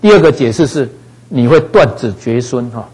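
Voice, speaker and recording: Husky man teaching the Bible casually. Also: mid-range voice, expressive, normal speed, darkish tone, low-quality recording. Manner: conversational, frequent "哈" fillers, acts out voices in quotes.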